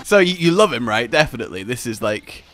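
An excitable man teasing his way through casual gameplay banter. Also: medium pitch, fast talker. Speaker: gaming video host. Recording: music behind the voice. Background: game music.

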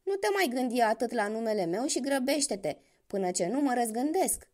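A cunning young hunter from a children's storybook, acted out by a woman storyteller, calm and sly as he gives orders. The voice sits high and swings lively in pitch. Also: natural voice. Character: young clever male hunter posing as a healer.

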